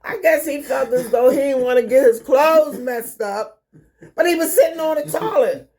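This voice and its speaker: An older woman with a Baltimore accent, a mother, shares memories of her family in casual, folksy, rambling storytelling. Her voice sits high and a little mellow, at a normal speed.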